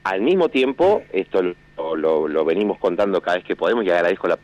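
An Argentine man, a security official phoning into a radio show, explains things in a measured way with many hesitations over a phone line that keeps breaking up. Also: low-pitched, expressive, darkish tone. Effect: choppy phone line that keeps cutting out.

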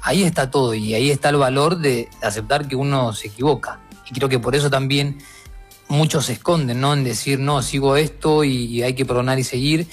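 A husky-voiced man with an Argentine accent talks as a guest, soft music faintly behind him. He thinks out loud, restarting his phrases as he reasons his way through. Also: mid-range voice, fairly quick. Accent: Argentine Spanish. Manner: reflective, with restarts. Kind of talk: casual conversation.

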